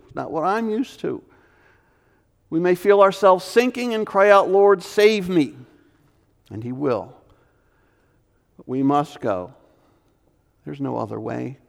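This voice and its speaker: Man preaching with a raspy edge, urgent then hushed, lively reverb of a large church. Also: high voice. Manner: emphatic preaching with sudden loud and hushed turns. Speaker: pastor. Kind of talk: sermon.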